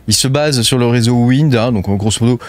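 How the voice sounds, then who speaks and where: Here the crypto host speaks at medium pitch and a quick pace, with no echo. He's doing a relaxed screen-share walkthrough of apps in a French accent, chatting away with fillers and "hein" and addressing his audience as "tu."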